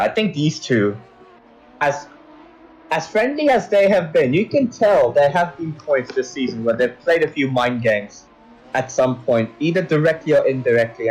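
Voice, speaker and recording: A man from India doing casual commentary on an online racing event as the host, chatty and quick to laugh. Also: medium pitch, darkish tone, breathy edge, highs cut off. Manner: chatty, laughs often, addresses co-host as mate. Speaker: race commentator.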